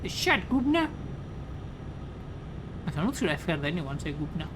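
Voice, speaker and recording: A woman's voice: deep voice, fast talker, background noise. A woman from Spain with a Spanish accent, chatting casually and crudely while streaming a game into a mic with a pop filter. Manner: rambling, crude, joking. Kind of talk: casual chat while gaming. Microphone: studio mic with pop filter.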